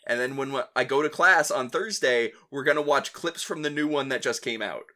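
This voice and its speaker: Bright-voiced young man hosting a podcast. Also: mid-range voice, a little fast. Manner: chatty, swears freely. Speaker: podcast host. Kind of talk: casual podcast chat.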